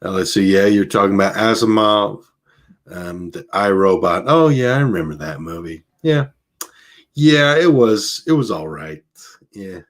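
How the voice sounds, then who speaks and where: Slow-talking low-voiced man. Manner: relaxed and chatty, with laughs and fillers between readings. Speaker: audiobook reader streaming live. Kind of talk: reading a novel aloud, then chatting with viewers.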